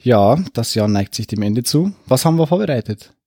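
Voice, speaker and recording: Man, podcast co-host, teasing banter, quick quips, middle pitch, dry close mic. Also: lively intonation, warm tone, dry recording. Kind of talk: casual banter.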